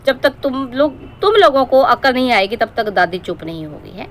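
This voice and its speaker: A woman's voice: high voice, lively intonation, normal speed, a little hiss or hum. A woman from Himachal Pradesh giving a scolding, sarcastic roast monologue as a reaction-channel commentator, lecturing her target at length.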